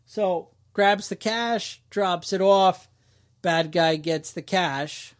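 This man, co-hosting a podcast, spins a story in easygoing conversation, cracking wise and tossing off rapid character voices. He has a high voice.

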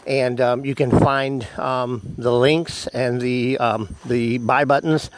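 An American man hosting a solo podcast, speaking haltingly with many ums and whistling slightly on his words because of missing teeth. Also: mid-range voice, fairly even intonation. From United States. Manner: halting, filled with ums and pauses. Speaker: podcast host. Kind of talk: solo podcast announcements to listeners.

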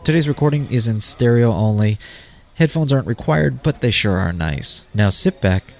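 A man's voice: mid-range voice, expressive, normal speed, gravelly, a little mellow. A man hosting a podcast, reading scripted narration and addressing the listener directly as a guide. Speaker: podcast host.

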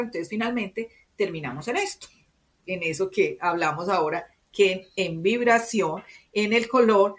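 A woman from Medellín with a Colombian paisa accent, speaking as an interview guest and explaining in an expressive, conversational way that often checks in with tag questions. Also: medium pitch. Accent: Colombian paisa (Antioquia).

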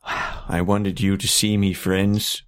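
A man voicing a very old, pudgy, sad man in a tabletop game, speaking slowly and sorrowfully. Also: deep voice, flat delivery. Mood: sad, earnest.

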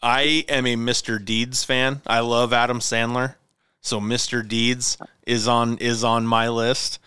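Bright, crisp-voiced man in his forties. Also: medium pitch, little pitch movement, a little slow, no room sound, studio quality. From Montana, USA. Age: 40s. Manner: easygoing, rambling, chatty. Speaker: podcast host. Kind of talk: casual chat about movies.

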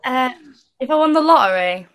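A woman's voice: high voice, expressive, moderate pace, fairly bright tone. A teenage girl from Britain chats as an interview guest. She rambles through her answers, full of fillers, and keeps breaking into giggles. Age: teens. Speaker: interview guest, young singer. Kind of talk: casual interview chat.

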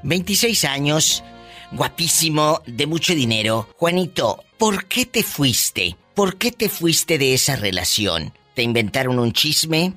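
A man's voice: medium pitch, sharp tone. A man with a Mexican accent hosting a radio talk show, teasing guests with camp, theatrical exclamations.

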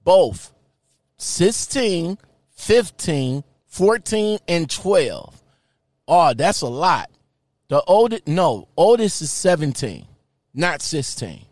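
A man reading aloud and commenting casually, with an informal, slangy and halting delivery. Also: fairly high pitch, very animated, a little mellow, no echo. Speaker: online commentator.

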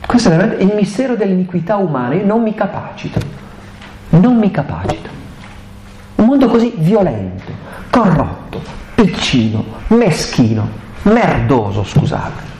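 A man's voice: high voice, very animated, normal speed, warm tone. A man giving a live catechesis talk on a Bible passage, impassioned and colloquial, firing off rhetorical questions. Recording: echoey live room recording, faint background hiss.

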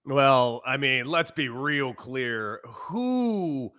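A man's voice: medium pitch, expressive, extremely slow, pushed and bright, no room sound, studio quality. A man hosting a sports podcast in casual chat, speaking in an emphatic, opinionated way.

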